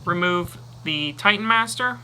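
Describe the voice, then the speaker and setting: A man explains a toy's transformation step by step in a relaxed, unhurried way. His voice sits a little high for a man, and he pauses and mutters to himself as he works. A steady hiss runs under the recording. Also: poor audio. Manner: talks through steps while handling a toy, pausing and muttering. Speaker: toy reviewer. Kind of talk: casual toy review walkthrough.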